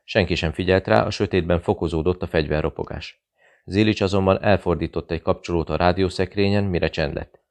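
Male audiobook narrator, very low pitch, steady measured delivery. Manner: measured, even reading. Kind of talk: scripted narration.

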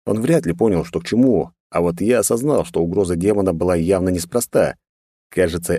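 A man narrates a first-person fantasy story in a calm, measured delivery. His voice sits very low and steady. The close recording is completely dry. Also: no echo. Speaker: audiobook narrator.

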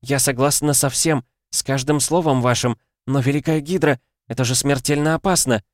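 A man voicing an anxious female high sorceress, deferential and pleading. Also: fairly even intonation, brisk, clean tone, no echo, clean studio sound, lightly acted.

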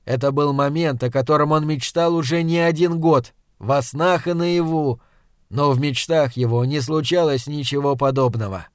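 A man narrating an audiobook in a measured, dramatic storytelling manner. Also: on the high side, smooth, no room sound, clean studio sound. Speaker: audiobook reader. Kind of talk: scripted narration.

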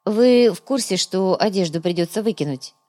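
A woman's voice: medium pitch, lively intonation, moderate pace, dark tone, natural voice. A woman voicing a sly, greedy male trader who talks in an ingratiating, chatty way for an audiobook.

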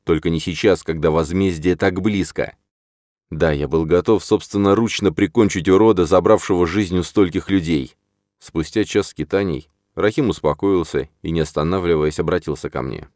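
A man narrating a first-person story as an audiobook, in a steady, measured manner. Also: deep voice, dry recording, clean studio sound.

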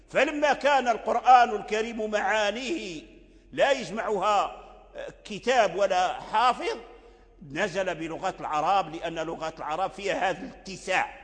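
An older male teacher lectures on the readings of the Quran, explaining patiently and going back over his own words. He breaks into brief chanted examples. His voice sits high, and the recording carries a long reverb like a big hall. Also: a bit bright.

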